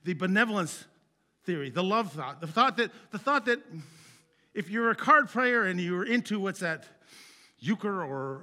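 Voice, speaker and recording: A male pastor delivers a sermon earnestly and conversationally, swinging between loud, emphatic peaks and quiet, low endings to his phrases.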